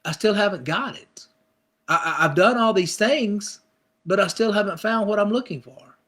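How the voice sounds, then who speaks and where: A man's voice: high voice, moderate pace, fairly bright tone. A middle-aged male pastor preaching a conversational sermon, acting out people's inner thoughts with repeated phrases.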